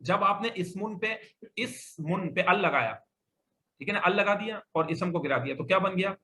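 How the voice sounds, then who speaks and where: Bright high-voiced man teaching a class. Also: normal speed. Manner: drills students with call-and-response questions. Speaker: Arabic teacher. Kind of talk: classroom grammar lesson. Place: classroom with students.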